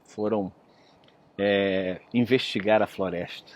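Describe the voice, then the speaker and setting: A man's voice: lowish voice, fairly even intonation, slow. A man giving a spiritist lecture, telling a story in a conversational way, often adding tag questions. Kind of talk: storytelling sermon.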